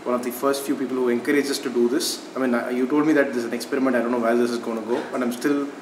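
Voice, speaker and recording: Man, off-camera interviewer, fast brisk talk, distant, echoey room, noisy. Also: medium pitch, level tone. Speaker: interviewer, startup founder. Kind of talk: interview questions. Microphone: off-camera, away from the mic.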